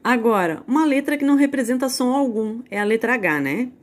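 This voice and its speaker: A woman with a Brazilian Portuguese accent teaching a recorded video lesson, explaining slowly, spelling out sounds and repeating key points. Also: fairly high pitch, expressive.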